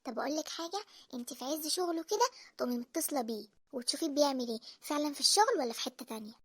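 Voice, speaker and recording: A woman voicing a caring older mother gently advising her daughter in an Egyptian cartoon, with an Egyptian accent. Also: high voice, expressive, very fast, no room sound, studio quality. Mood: gentle. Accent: Egyptian Arabic. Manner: soft, advising. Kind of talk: cartoon voice acting.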